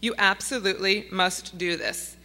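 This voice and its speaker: A woman's voice: mid-range voice, fairly even intonation, moderate pace, bright, forceful tone. Earnest woman pleading from a stage. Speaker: conference speaker. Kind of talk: speech to an audience. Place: conference hall. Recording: long hall reverb.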